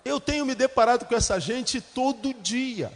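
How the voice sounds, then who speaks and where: A man from Brazil preaches from the pulpit, his voice pitched high and carrying a long church echo. He tells funny stories about church members, then builds into fervent, rhetorical questions. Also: normal speed. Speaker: pastor. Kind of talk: sermon with humorous anecdotes.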